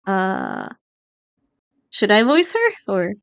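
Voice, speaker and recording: A woman's voice: medium pitch, wildly swooping pitch, extremely slow, vocal fry, smooth, no echo. A woman streamer chatting casually while playing a game, easygoing and giggly.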